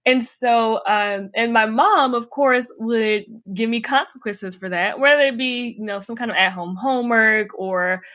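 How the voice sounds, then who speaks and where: A woman guest in a candid podcast interview, talkative and expressive, often laughing as she tells stories about herself. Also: a little high, measured pace, few pauses, dry recording.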